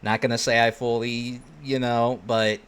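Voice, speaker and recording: A man's voice: mid-range voice, little pitch movement, measured pace, fairly bright tone, clear, resonant tone. A man hosting online reaction commentary, reading posts aloud and giving opinions in casual, slangy speech.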